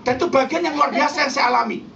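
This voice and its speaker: A woman preacher, giving a lively, joking sermon to a church congregation and acting out quoted voices. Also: sits high, very fast, gravelly, slight background noise. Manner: animated, jokey, mimics voices for effect. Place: church hall before a congregation. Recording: distant, dull live church recording.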